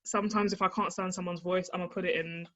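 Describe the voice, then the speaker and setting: A young woman chatting casually as a guest about her interests, animated and full of fillers. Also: on the low side, fast talker. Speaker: guest, anime fan. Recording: slightly dull lo-fi audio.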